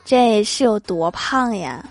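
A woman's voice: mid-range voice, animated, takes it slowly, faint music behind. A woman hosting a comedy podcast, reading short jokes aloud in a playful storytelling manner and chuckling at the punchlines. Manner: playful storytelling, laughing at her own punchlines. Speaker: host of a comedy joke podcast. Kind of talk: reading jokes with acted quotes.

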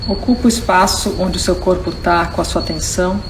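A Brazilian woman leads a guided meditation in short, slow instructions with long pauses between them. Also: lowish voice, steady tone, noisy background.

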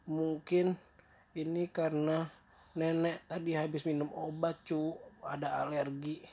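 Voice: medium pitch, flat delivery, unhurried, warm tone, breathy edge, voice pushed up. A storyteller voicing a sly wolf who poses as a sick grandmother, making excuses and fumbling his answers. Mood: flustered.

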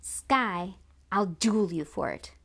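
A woman's voice: medium pitch, slow, gravelly, slightly rough, heavily acted. A woman reading as a dramatic young sister. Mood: scheming. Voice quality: theatrical, exuberant. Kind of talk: audiobook character reading.

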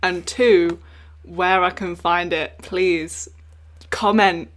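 A woman's voice: lowish voice, fairly even intonation, slow pace. Upbeat woman hosting a podcast. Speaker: podcast host. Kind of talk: casual chat.

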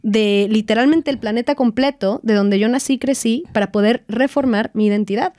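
A woman's voice: fairly high pitch, fairly quick, darkish tone, dry recording, studio quality. A woman, co-hosting a casual podcast chat and speaking frankly with earthy slang. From Mexico. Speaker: podcast co-host.

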